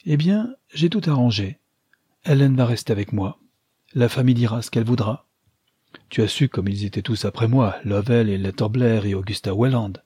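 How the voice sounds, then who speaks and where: Guy doing a bossy old granny, teasing, husky and a bit higher, dry close sound. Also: normal speed, mellow, no echo, close to an everyday voice. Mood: scheming, teasing. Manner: teasing, commanding, sly. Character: shrewd, imperious old grandmother, bedridden.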